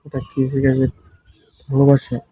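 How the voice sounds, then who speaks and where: A soft-spoken man, quietly narrating a casual walk-through of his farm plants outdoors while filming on his phone. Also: medium pitch, monotone, moderate pace, muffled recording, a little hiss or hum. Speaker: farming vlogger, new content creator. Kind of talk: casual walking tour narration. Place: outdoors among crops and trees.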